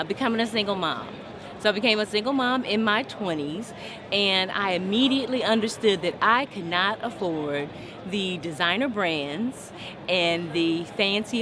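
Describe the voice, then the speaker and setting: A woman speaks candidly and reflectively about her own life for an interviewer. Her voice sits at an ordinary middle pitch. A loud crowd murmurs behind her. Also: animated, measured pace. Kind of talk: personal story in an interview.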